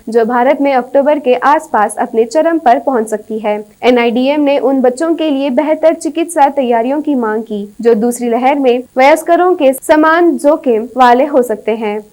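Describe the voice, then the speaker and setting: Woman news anchor, high voice, even formal bulletin delivery.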